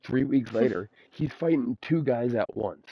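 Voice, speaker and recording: A young man from Ontario, Canada, with a medium-pitched voice and moderate pace chats with a friend over a phone mic while gaming. He tells rambling, profane stories that he keeps restarting, and the voice chat sounds dull and lo-fi with slight background noise.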